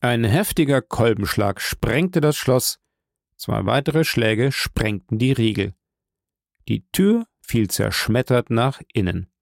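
A man narrating a novel as an audiobook in a measured, even storytelling manner. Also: mid-range voice, gravelly, no echo, studio quality.

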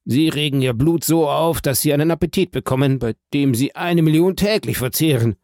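A cool bandit chief answers with dry, unhurried courtesy in an audiobook, as a male reader puts him on. The voice is a touch higher than the reader's own and gravelly. It is recorded close and dry. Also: a little mellow, dry recording, close to an everyday voice. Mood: calm. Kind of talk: audiobook reading.

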